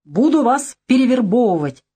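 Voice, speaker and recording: A woman reading an audiobook, voicing a lively, ironic young woman in a brisk, teasing manner. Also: fairly high pitch, breathy edge, voice pushed up. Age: young adult. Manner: brisk, teasing, bright lilt. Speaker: audiobook character.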